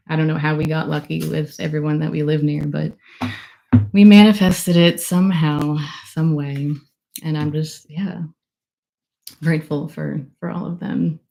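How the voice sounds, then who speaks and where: A woman's voice: low-pitched, vocal fry, dark tone, poor audio. A young woman talking casually on a livestream at her book launch, emotional and gushing, rambling with many fillers. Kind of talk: casual livestream thank-yous.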